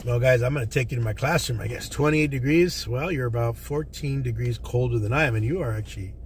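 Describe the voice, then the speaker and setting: A man's voice: medium pitch, fast talker. A man vlogging to livestream viewers while driving, rambling and greeting chat viewers by name. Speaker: vlogger, teacher. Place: inside a car. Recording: car interior with road noise. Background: car and traffic noise.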